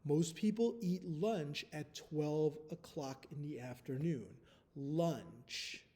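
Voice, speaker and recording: Very slow teacher dictating spelling words. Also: male voice, fairly high pitch, mellow. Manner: slow and deliberate, repeating each word and sound, spelling letters aloud. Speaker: first-grade teacher.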